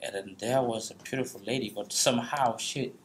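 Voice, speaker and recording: The audio here is poor, with slight background noise, as a middle-aged man from Haiti tells personal stories in a large meeting room. He has a Haitian accent and a medium-pitched voice, and as a guest speaker on the panel he halts, restarts and laughs frequently.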